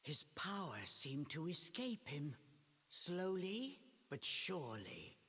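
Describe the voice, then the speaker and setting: A performer playing a storybook narrator in a video game, telling a dark fairy tale in a theatrical, measured way. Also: mid-range voice, big pitch swings, husky, full character voice. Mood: dramatic, measured.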